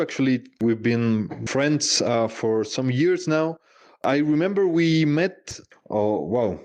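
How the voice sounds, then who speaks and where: A man, speaking English in a somewhat low voice. He is friendly but halting, often pausing with fillers and repeating words as he records his message. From Chile. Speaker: listener and friend of the host.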